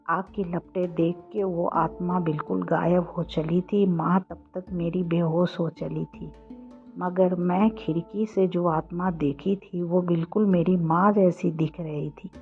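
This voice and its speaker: Woman telling a spooky story real slow n flat, lo-fi audio, crickets and soft music behind. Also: lowish voice. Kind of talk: first-person horror story narration. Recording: dull lo-fi audio with faint music.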